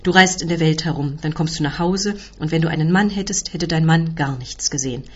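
A woman reading aloud as a loud, self-pitying Polish uncle who rants and bellows. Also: deep voice, a little fast, husky. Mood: pleading. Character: loud desperate middle-aged Polish uncle, man. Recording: dull lo-fi recording.

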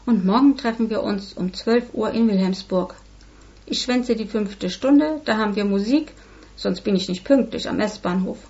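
Woman reading as a pleading, sulky teen girl, higher voice, slightly dull recording. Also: normal speed, a little mellow, close to an everyday voice. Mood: confiding. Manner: whiny pleading. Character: sulky defiant thirteen-year-old girl.

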